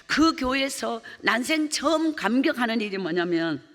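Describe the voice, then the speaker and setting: A woman's voice: on the high side, sing-song, moderate pace, a bit bright. A woman evangelist giving an emotional testimony sermon, telling her story vividly and acting out the voices in it. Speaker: evangelist preacher. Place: church sanctuary. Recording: long church hall reverb.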